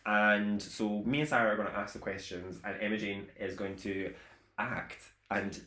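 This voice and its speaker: A chatty man hosts a podcast in a relaxed, giggly way. His voice sits on the low side. The room around him sounds roomy. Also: moderate pace. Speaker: podcast host. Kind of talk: casual chat.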